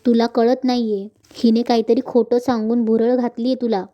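An insistent, accusing middle-aged mother, as a woman reads her lines in a serial recap. The voice stays flat and fairly high. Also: normal speed, dull audio, lightly acted.

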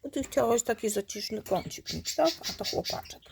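A woman coos over puppies in a high, sing-song voice that swoops up and down. She talks slowly and tenderly, slipping into whispers, with a gravelly catch in her voice. Faint noise sits behind her. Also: lively intonation. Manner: cooing, affectionate baby-talk to the puppies, often dropping to a whisper. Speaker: dog breeder. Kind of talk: casual talk to her puppies on camera. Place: indoors at a puppy pen.

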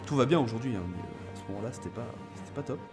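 A young man from France is hosting a live gameplay stream and talking casually with his chat, greeting viewers by name. He pauses often, fills gaps with hums and restarts his sentences. His voice sits at an ordinary middle pitch, and music plays clearly behind him. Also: expressive. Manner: hesitant, many filler pauses and restarts; chatty, answers viewers by name. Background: background music.

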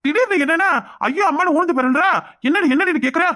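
A woman's voice: extremely high pitch, fast, a bit bright. A woman voicing a flustered young husband in a cartoon comedy, who pleads in a panic. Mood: panicked.

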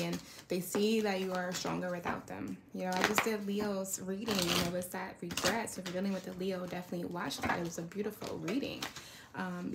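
A tarot reader gives a casual, rambling reading in a medium-pitched voice with vocal fry, background noise audible behind her. She's conversational, often checking in with the listener through "right?" and "you know."

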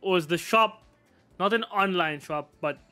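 A man's voice: high voice, unhurried, pushed and bright, soft background music. A man casually commenting on a video game's menus, with slangy, laid-back talk and asides to chat. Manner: slangy, laid-back, thinks aloud with frequent laughs. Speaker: gaming YouTuber. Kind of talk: casual game walkthrough commentary.

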